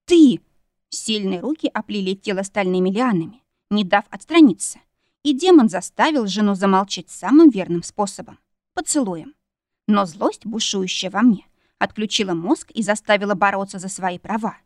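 A woman narrating an audiobook in the first person, at a middle pitch. Her reading is steady and even, in a close, dry recording with no room sound. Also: normal speed, dry recording.

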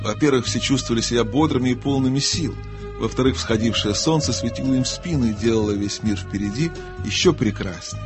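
A man narrating an audiobook in a calm, expressive storytelling manner. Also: mid-range voice, a little fast, over loud music. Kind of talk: scripted narration.

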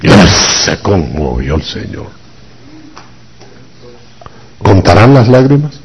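Husky low-voiced man preaching a sermon. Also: sing-song, a little slow. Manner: dramatic, acts out quoted voices, swings from loud to whispered. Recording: dull lo-fi recording.

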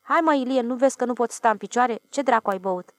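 A woman's voice: on the high side, no echo, studio quality, close to an everyday voice. A woman doing a weary old night watchman. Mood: dismissive. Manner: dismissive, weary, mildly mocking. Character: gruff, sleepy old village night watchman.

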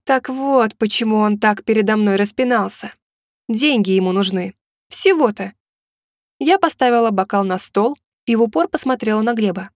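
A woman's voice: mid-range voice, normal speed, no echo, clean studio sound. A young woman narrating a first-person audiobook in a wry, ironic way.

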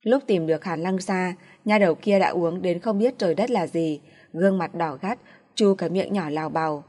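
Woman, audiobook narration, low voice, steady even reading. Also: normal speed.

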